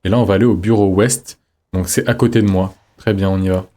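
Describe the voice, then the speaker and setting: A man's voice: sits low, fairly even intonation, fast, dark tone. A man giving casual let's-play commentary, chatty, reading in-game notes aloud with jokey asides. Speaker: streamer playing a horror game.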